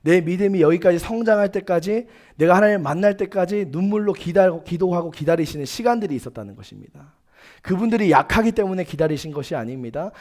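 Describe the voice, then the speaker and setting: A man's voice: sits high, animated, fast, a little mellow. A young man preaching a sermon as youth pastor, earnest and emphatic, telling personal stories with quoted dialogue. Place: church sanctuary.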